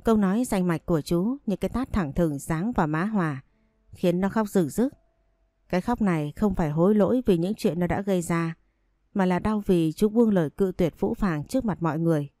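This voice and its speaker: A woman calmly reading a first-person story aloud. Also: on the low side, a little fast, dry recording, studio quality.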